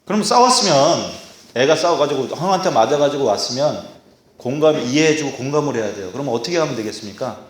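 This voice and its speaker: A man preaching a sermon to a congregation, animated, acting out scolding parents in a raised voice. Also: medium pitch, quick pace. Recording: echoey hall.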